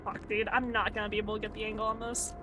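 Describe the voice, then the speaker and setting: A woman's voice: mid-range voice, little pitch movement, very fast, noisy background. A woman streaming a game, chatting casually as she plays, rambling and swearing freely. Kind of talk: casual gameplay chat.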